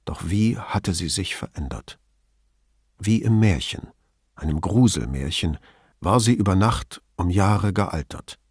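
A man narrating an audiobook in a measured, somber storytelling manner. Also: on the low side, breathy edge, no echo, clean studio sound.

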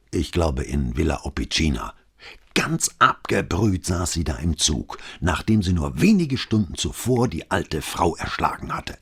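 A man's voice: low-pitched, a bit bright, slightly rough, full character voice. A man reading the part of a gossipy male newsagent in an audiobook, gloating and conspiratorial as he relays bad news. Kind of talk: audiobook dialogue.

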